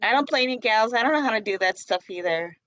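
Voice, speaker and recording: A woman with a high voice co-hosts a casual livestream, greeting viewers and laughing often. Her voice sounds dry and close to the mic. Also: expressive, fast talker, fairly bright tone, dry recording, rough recording. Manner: friendly, laughs often, reads out viewer names. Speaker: livestream co-host.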